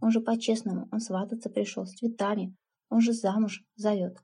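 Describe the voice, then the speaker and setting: A woman's voice: mid-range voice, little pitch movement, brisk, warm tone, slightly rough. A woman voicing a timid, earnest young village woman who pleads and defends herself. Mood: pleading.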